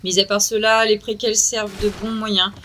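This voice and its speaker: A woman's voice: mid-range voice, little pitch movement, moderate pace, bright, forceful tone, a little hiss or hum. A middle-aged woman hosting and narrating a video game review. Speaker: video host. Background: music.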